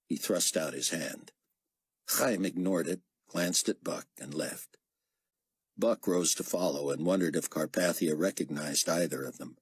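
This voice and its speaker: A man reading an audiobook in scripted narration, with a steady storytelling cadence. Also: rumbling low, unhurried, husky, dry recording, studio quality.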